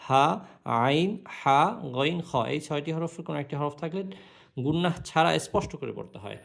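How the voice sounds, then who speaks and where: Bangladeshi guy doing a quran spelling lesson, slightly high voice, chants the verses real drawn out. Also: fairly quick, creaky. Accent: Bangladeshi Bengali. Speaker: Quran recitation teacher.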